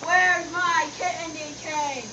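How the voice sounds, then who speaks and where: A woman voicing an angry, bossy big brother who barks threats, over clear background noise. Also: very high voice, steady tone, slow, muffled recording. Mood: furious. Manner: barking threats and demands.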